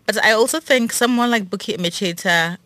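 A woman's voice: medium pitch, a little fast, a bit bright, no echo. A woman co-hosting a podcast, chatting casually with a friend, enthusiastic and thinking aloud with lots of fillers. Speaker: podcast co-host. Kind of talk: casual conversation between friends.

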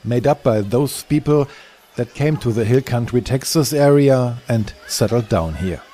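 A man narrating a documentary voice-over in a calm, explanatory way. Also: mid-range voice, a little slow.

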